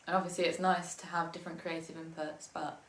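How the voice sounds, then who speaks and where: Brief: young English woman, low-ish voice, giggly casual guest, roomy echo. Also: flat delivery, fast talker, fairly bright tone. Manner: giggly, with many ums and likes. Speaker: interview guest, musician. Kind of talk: casual interview chat.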